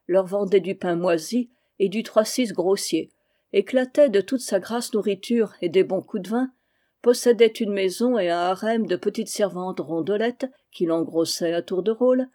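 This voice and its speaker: A woman reading a novel aloud in a steady, measured storytelling manner. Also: mid-range voice. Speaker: audiobook reader.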